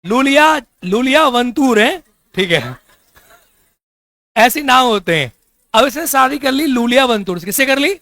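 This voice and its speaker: A man's voice: very high voice, lively intonation, unhurried, pauses often, sharp tone, no room sound. A man teaching a class, keeps asking his students to repeat answers, teases them and jokes as he explains. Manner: quizzes the class with repeated questions, teasing and joking. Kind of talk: classroom lecture.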